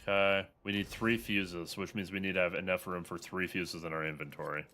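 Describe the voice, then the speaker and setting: A man's voice: sits low, fairly even intonation, brisk, sharp tone, slight background noise. A man streaming a video game, informally thinking aloud and talking to his chat. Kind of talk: casual livestream gameplay commentary, talking to chat.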